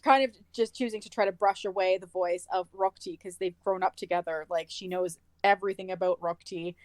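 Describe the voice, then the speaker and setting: A woman's voice: fairly low pitch, fairly even intonation, fairly quick, a little mellow, dry recording. A woman playing in a tabletop role-playing game, talking about her character in a cheerful, giggly way. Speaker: player. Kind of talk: casual tabletop role-play chat.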